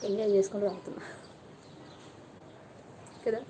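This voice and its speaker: Woman vlogger, casual live-stream host, soft and chatty, teasing viewers, noisy phone audio. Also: medium pitch, little pitch movement, normal speed. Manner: chatty, greets viewers and reads their comments aloud, playful teasing.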